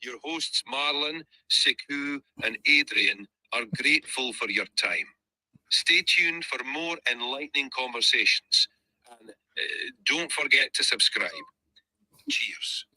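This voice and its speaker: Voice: mid-range voice, slow pace, pushed and bright, low-quality recording. A synthetic AI assistant voice, heard as a man, reading an upbeat podcast outro in an announcer-like way. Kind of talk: scripted outro read aloud.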